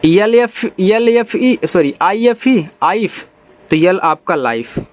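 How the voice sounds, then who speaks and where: A man teaching English phonics in Hindi, spelling out letters slowly and asking his students questions as he explains each step. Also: high voice, lively intonation. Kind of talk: spoken phonics lesson.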